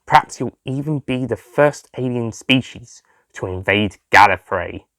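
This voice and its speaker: A man's voice: medium pitch, a little slow, fairly bright tone, no echo, studio quality. A man voicing a smug, scheming alien villain with a volatile temper, gloating theatrically in a sci-fi audio story.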